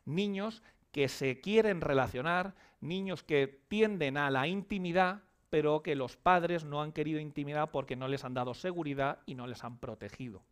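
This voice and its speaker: Man, higher-pitched voice, conference lecture, emphatic, rhetorical questions. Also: normal speed, hardly any pauses, clean tone. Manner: emphatic, asks and answers his own questions. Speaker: psychologist giving a conference talk. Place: conference hall.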